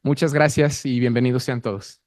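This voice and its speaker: A man's voice: mid-range voice, steady tone, normal speed, darkish tone, no echo. A man with a Mexican accent giving a formal introduction as event host, sometimes stumbling and correcting himself.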